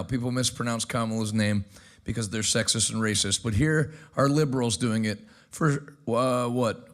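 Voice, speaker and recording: A brash male host with a gravelly, creaky edge to his mid-pitched voice. He delivers sarcastic news commentary with punchy, energetic remarks between clips. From United States.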